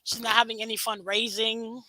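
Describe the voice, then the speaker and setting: A woman's voice: a little high, level tone, moderate pace, sharp tone, dry recording, rough recording. A woman hosting a casual talk show, brash and crude in her banter. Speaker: show host. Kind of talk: casual podcast chat.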